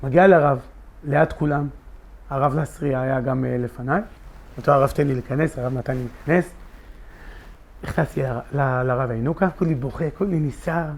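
A middle-aged man telling a personal testimony with passion, acting out his own pleading in dialogue. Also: medium pitch. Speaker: storyteller sharing a personal testimony. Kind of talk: emotional first-person storytelling.

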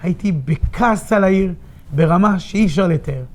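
Middle-aged man, high pitch, emotional first-person storyteller, acts out his own lines. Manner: impassioned, reenacts his own pleading in dialogue. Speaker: storyteller sharing a personal testimony.

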